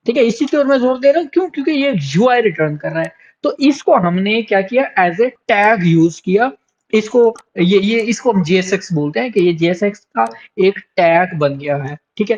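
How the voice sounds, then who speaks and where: A man's voice: high voice, poor audio. A man teaching programming in a coding tutorial. He explains step by step, repeats his points, and often stops to check in with the learner. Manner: explanatory, repeats points, frequent "theek hai" check-ins and hesitations. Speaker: programming instructor. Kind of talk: screen-recorded coding tutorial.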